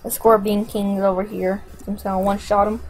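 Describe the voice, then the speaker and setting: A woman gamer does let's play commentary on a survival video game, swearing freely and thinking aloud in a profane, excitable way. Her medium-pitched voice is fairly quick with a breathy edge, on a low-quality recording.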